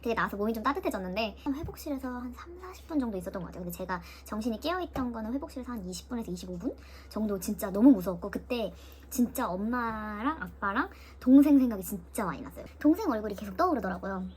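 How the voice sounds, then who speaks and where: 젊은 여성 브이로거의 빠른 수다. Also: female voice, on the high side, quick pace, hardly any pauses, a little hiss or hum. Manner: lively, mimics voices of nurses and her sister while retelling. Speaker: vlogger. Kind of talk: casual storytelling vlog.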